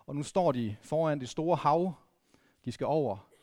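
A man's voice: a little high, lively intonation, darkish tone, dry recording. A man from northern Denmark preaching a sermon in a conversational way, often restarting and adding questions to the congregation. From Vendsyssel, Denmark. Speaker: pastor.

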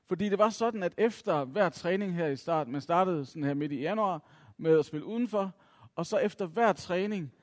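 A man's voice: a little high, a little mellow. A middle-aged man from Denmark telling a personal story to an audience, reflective and self-mocking, with lots of filler sounds. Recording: long reverb from a hall.

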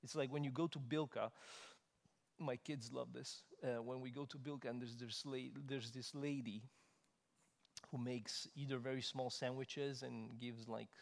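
A man's voice: medium pitch, steady tone, a little slow, gravelly. Man preaching in an echoing hall. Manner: rises to loud emphatic stresses, then drops soft and conversational. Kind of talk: sermon. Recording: long hall reverb.

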